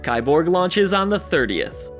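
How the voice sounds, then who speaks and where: Male host, upbeat and jokey, lively voice with lots of pitch movement, slightly high, music bed underneath. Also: a little slow. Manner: upbeat and jokey, with playful asides. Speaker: gaming channel host. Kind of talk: scripted game-release roundup narration. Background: background music.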